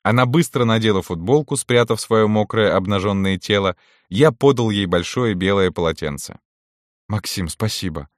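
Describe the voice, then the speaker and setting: A man reading a first-person romance story aloud in a calm, intimate storytelling manner. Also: on the low side, moderate pace, hardly any pauses, no echo, studio quality. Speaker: audiobook narrator.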